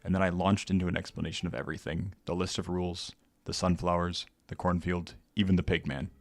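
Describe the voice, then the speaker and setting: Deep-voiced man narrating horror. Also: little pitch movement, quick pace, dry recording. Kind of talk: scripted horror story narration.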